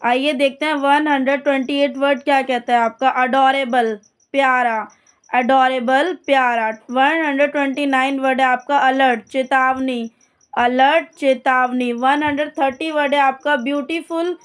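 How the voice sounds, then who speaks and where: High-voiced woman teaching word lists. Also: fairly even intonation. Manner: repeats each word and its meaning slowly, addresses students directly. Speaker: English teacher. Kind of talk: vocabulary lesson, reading word lists.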